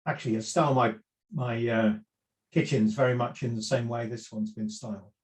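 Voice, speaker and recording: A middle-aged man gives a seminar talk on property investment in a conversational way, with frequent fillers and restarts. His medium-pitched voice is steady and moderately paced. He has lived in South Wales for years but has no Welsh accent.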